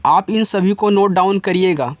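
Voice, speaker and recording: A man with a fairly high voice leads a casual classroom lesson, spelling out each word letter by letter. He puts questions to the students and answers them himself. The recording is dry and close. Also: normal speed, no echo. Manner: informal, addresses students directly. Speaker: English teacher.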